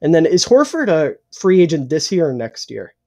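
A young man co-hosting a casual sports podcast, opinionated and swearing freely, a little hoarse and clearing his throat. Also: fairly high pitch, sing-song, moderate pace, dark tone. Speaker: podcast co-host.

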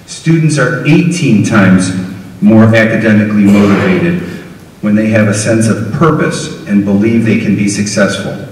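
A middle-aged man giving a formal prepared speech at a podium, measured as he reads, introducing the keynote speaker. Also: fairly low pitch. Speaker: school district official introducing the speaker. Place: large auditorium stage. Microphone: podium microphone heard from afar. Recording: echoey hall recorded from far off.

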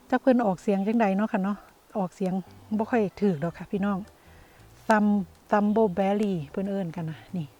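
A woman's voice: medium pitch, mellow, highs cut off. A woman with an Isan accent, chatting casually to her viewers as she vlogs outdoors in the countryside. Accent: Isan (Northeastern Thai). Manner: chatty, addresses viewers as "brothers and sisters". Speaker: vlogger.

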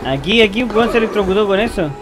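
High excitable Chilean gamer guy. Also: quick pace. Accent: Chilean Spanish. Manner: excitable, swearing, yelling at his partner. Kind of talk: co-op let's play commentary. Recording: game music behind.

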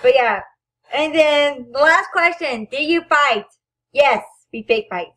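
A woman's voice: high voice, takes it slowly, sharp tone. A teenage girl hosting a casual best friend tag video, teasing and giggly as she reads the questions. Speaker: channel host.

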